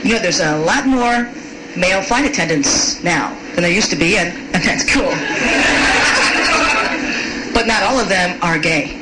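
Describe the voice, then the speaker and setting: A woman's voice: lowish voice, lively intonation, measured pace, long pauses. Stand-up comedian woman in an echoey club. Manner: playful, teasing the audience, acts out voices. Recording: echoey live club recording with loud crowd noise.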